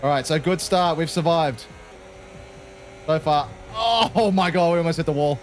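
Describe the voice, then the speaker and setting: A man's voice: fairly high pitch, moderate pace. Chatty Australian man commentating a race game. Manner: chatty, jokey, peppered with "mate". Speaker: gaming channel host. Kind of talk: casual gameplay commentary.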